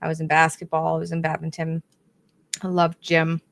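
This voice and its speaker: Woman, young adult, podcast co-host, casual rambling chat, lower pitch. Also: monotone, normal speed, vocal fry, dry recording. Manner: chatty, rambling, self-correcting.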